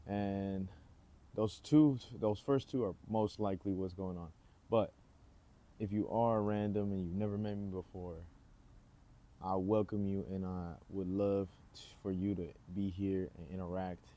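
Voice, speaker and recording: A man's voice: low voice, measured pace, highs cut off. A man, rambling casually outdoors as he introduces himself in a vlog. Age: 20s. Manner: relaxed, rambling, lots of fillers. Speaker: vlogger. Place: outdoors, rain nearby.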